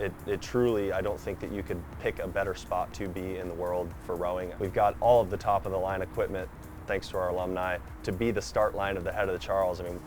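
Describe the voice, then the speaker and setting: A man with a very deep voice speaks earnestly about his rowing program in an interview. Music plays clearly behind him. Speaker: college rower. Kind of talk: interview sound bite.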